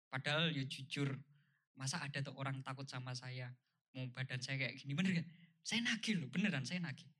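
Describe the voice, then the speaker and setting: A man leads a motivational seminar in a bright, forceful voice that sits a little high. He drives his points home by repeating them and keeps asking his listeners rhetorical questions. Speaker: seminar speaker. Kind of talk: motivational seminar talk to a live audience.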